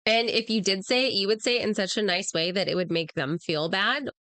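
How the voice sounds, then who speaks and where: A woman's voice: mid-range voice, brisk, pushed and bright, dry recording. A woman in her thirties co-hosting a podcast in casual chat, outspoken and emphatic. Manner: outspoken, emphatic, self-deprecating. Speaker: podcast co-host.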